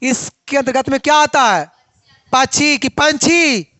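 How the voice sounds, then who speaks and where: A woman teacher leads a biology class. She speaks in a high, unhurried voice and keeps asking her students questions before she answers them herself. The recording is dry and close. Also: fairly bright tone, no room sound.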